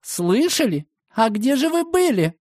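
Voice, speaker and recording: Man putting on a sharp indignant young woman. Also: sing-song, unhurried, no echo, clean studio sound, exaggerated voice. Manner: high, hissing, accusing.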